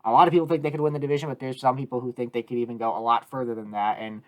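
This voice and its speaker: A man's voice: mid-range voice, steady tone, very fast. Eager, talkative man hosting sports talk. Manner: eager, talkative, emphatic analysis. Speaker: podcast host. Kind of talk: casual sports discussion.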